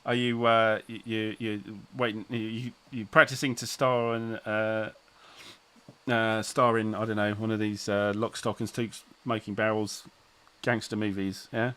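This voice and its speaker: A middle-aged man hosts a relaxed chat stream, his voice sitting on the low side. He rambles, backtracks, and restarts his sentences. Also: unhurried, clean tone. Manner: rambling, self-interrupting, chuckling. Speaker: channel host. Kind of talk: casual livestream chat.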